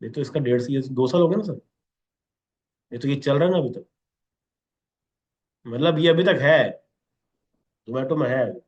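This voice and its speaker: A man's voice: mid-range voice, unhurried, pauses often, a little mellow, highs cut off. A man teaching a class in a lesson, checking in with "okay?" after nearly every point. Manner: instructive, repeats 'okay?' constantly. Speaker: instructor.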